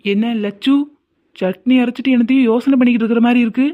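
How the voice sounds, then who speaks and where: A woman's voice: fairly high pitch, fairly even intonation, quick pace, close to an everyday voice. A woman voicing a friendly young neighbor woman who offers advice in a cartoon. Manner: friendly, encouraging. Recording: tinny phone-like sound.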